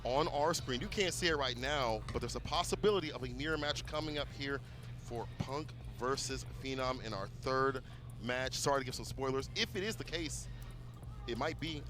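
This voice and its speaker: Quick, quippy male fighting game co-commentator. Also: medium pitch. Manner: quick, casual quips between play calls. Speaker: esports color commentator. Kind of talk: live color commentary. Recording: tournament broadcast with music underneath. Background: music.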